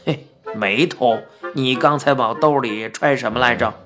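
A reader voicing a mischievous, playful old man who talks in a gruff, slow, teasing drawl, in a children's story. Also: mid-range voice, music in the background, voice pushed down, natural voice.

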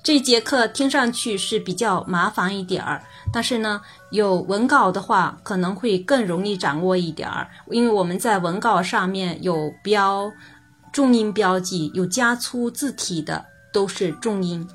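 A woman gives a pronunciation lesson in a level, middle-pitched voice. She talks patiently and carefully, saying each example word several times over so listeners can practice. Soft music plays faintly underneath. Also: slightly rough. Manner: patient, repeats example words slowly for practice. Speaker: language teacher. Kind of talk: explaining Japanese pitch accent.

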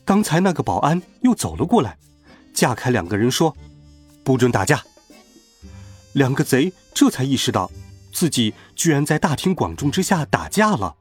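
A man narrating a children's story in a playful, animated way. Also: mid-range voice, normal speed, husky. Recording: faint background music.

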